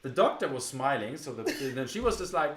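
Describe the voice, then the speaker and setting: A man shares a personal story on a vlog in a relaxed conversational tone. He stops and restarts often and leans on fillers. The room gives his voice a noticeable echo. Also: medium pitch, fairly quick. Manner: hesitant, many fillers and restarts. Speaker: vlog co-host. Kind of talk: casual storytelling. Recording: echoey room.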